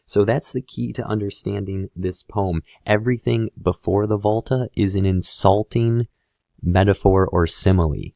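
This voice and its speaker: A man teaching a poetry lesson in a relaxed, conversational way, speaking straight to the viewer. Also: lowish voice, normal speed, gravelly, dry recording, studio quality. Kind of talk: explanatory lesson on a poem.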